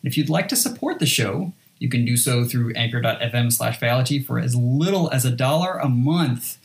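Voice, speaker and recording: A man's voice: medium pitch, expressive, a little fast, creaky. Rambling male podcast host. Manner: rambling, self-deprecating, trips over his words. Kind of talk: casual podcast chat.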